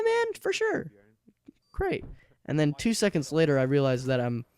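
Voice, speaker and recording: Teen guy gamer at his computer, chatty and rambling, warm smooth tone. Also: on the high side. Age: late teens. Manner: rambling, chatty, laughs often. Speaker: gaming channel host. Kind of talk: casual gameplay commentary. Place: alone at home by his computer.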